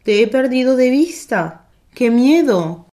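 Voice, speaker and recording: A woman's voice: mid-range voice, unhurried, a little mellow, close to an everyday voice. Woman voicing a fretful, loving grandmother. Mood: frightened. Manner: breathless and worried, then tender. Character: older grandmother, affectionate and fretful. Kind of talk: storybook narration.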